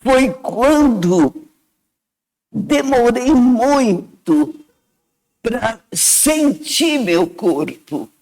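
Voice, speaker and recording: A woman's voice: a little high, sing-song, extremely slow, long pauses, darkish tone, rough recording. A woman with a Brazilian Portuguese accent earnestly telling a personal testimony as a guest, reflective and often adding "né". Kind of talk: emotional first-person storytelling.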